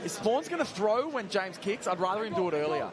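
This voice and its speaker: A man's voice: high-pitched, sing-song, brisk. A man giving live play-by-play and analysis as a commentator at a cage fight. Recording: loud crowd behind the commentary.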